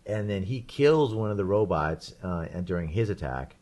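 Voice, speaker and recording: Low-voiced male podcast co-host, rambling animated storyteller, casual. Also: normal speed. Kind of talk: casual chat.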